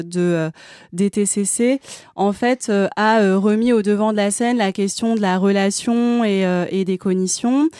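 A woman therapist explains therapy approaches at a measured pace, pausing often on hesitations. Her voice is warm and mellow, recorded close to the mic with a dry sound. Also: mid-range voice, clean tone, dry recording. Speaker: therapist guest. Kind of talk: explanatory discussion.

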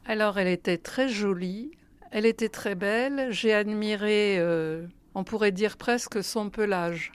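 Smooth-voiced older woman telling memories. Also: medium pitch. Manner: gentle, unhurried, with pauses and fillers. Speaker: interviewee. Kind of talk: storytelling reminiscence.

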